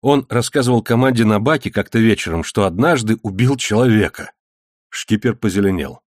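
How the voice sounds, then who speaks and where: A man narrating a classic story as an audiobook, in a measured, expressive reading. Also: on the low side, no room sound, clean studio sound. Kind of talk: scripted narration.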